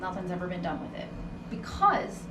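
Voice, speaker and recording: A woman's voice: fairly low pitch, very animated, moderate pace. A woman working as a ghost tour guide, telling stories casually and conversationally, acting out what people said. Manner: conversational, acts out quoted dialogue. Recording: roomy, distant mic with noticeable background noise.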